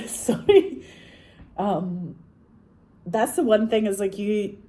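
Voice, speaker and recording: A Scottish actress and filmmaker tells stories in a rambling, casual chat, laughing often and saying "like" a lot. Her mid-range voice has a dark tone and a slow pace.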